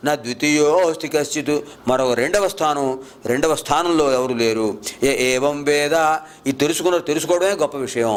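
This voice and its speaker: A man giving a spiritual discourse, chanting verses slowly and then explaining each one quickly. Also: on the high side, clear, resonant tone. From India. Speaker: spiritual lecturer.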